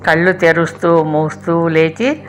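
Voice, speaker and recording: An older woman reading her childhood memories aloud in a calm, measured way. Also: low voice. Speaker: storyteller. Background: faint music.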